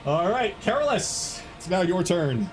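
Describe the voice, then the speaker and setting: A man's voice: high voice, big pitch swings, a little slow. A man acting as dungeon master of a tabletop game, talking casually, laughing and swearing freely. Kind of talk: running a tabletop game over voice chat.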